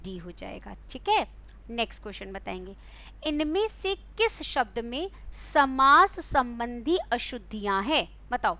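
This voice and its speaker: A woman's voice: fairly high pitch, big pitch swings, unhurried, pushed and bright. A young adult woman teaching Hindi in an online exam-prep class, quizzing her students, coaxing them and calling them beta.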